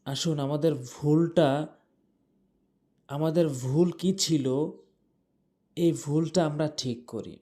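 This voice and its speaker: Slow, dark-voiced male recitation teacher. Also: on the high side, steady tone. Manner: drawn-out melodic recitation between plain explanations. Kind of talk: tajweed lesson with slow recited examples.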